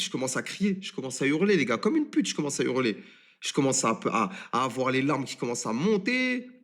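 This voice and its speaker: A man in his twenties, a streamer, telling a story on a live stream in an animated, crude and swearing manner. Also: a little high. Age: 20s.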